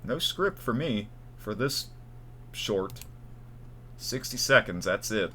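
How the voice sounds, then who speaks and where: A man's voice: lowish voice, expressive, slow, sharp tone, slight background noise. A man hosting his own channel, talking casually and unscripted, thinking aloud and restarting his takes. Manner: chatty, restarts takes, talks to himself. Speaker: YouTube channel host. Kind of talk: casual unscripted vlog talk.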